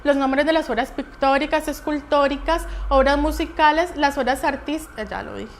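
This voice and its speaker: Brief: young woman from Colombia, student presenter, high voice, halting delivery with restarts. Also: a little hiss or hum. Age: young adult. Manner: halting, with restarts and fillers while explaining. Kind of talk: class presentation.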